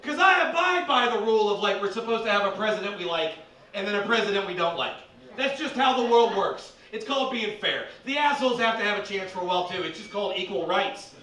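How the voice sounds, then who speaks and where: A brash man performs stand-up with a high, bright voice, cursing freely and breaking into shouted bits. The sound is roomy and reverberant, like a small club stage, with the voice set back from the microphone. His delivery is loud and punchy. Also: lively intonation, fast talker, recorded from a distance. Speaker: stand-up comedian.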